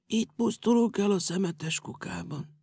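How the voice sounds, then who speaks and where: An actor voicing a pair of talking shoes that squabble and whimper. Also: male voice, high voice, creaky, warm tone, slightly rough, no room sound, clean studio sound, heavily acted.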